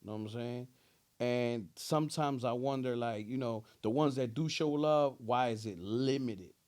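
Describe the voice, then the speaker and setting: A man's voice: medium pitch, normal speed, a little mellow. New Jersey man, emphatic street-slang interview talk. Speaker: rapper being interviewed.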